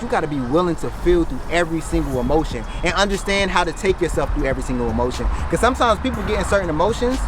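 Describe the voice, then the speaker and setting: A man's voice: fairly high pitch, noisy background. An American man giving an emphatic, preacher-like motivational speech, repeating phrases and asking rhetorical questions. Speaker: motivational content creator.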